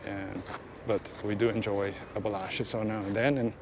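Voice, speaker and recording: Walking a roadside outdoors, the host keeps up casual, rambling vlog commentary at a moderate pace. His voice is fairly low with little pitch movement. Faint ambience and vehicle noise sit in the background.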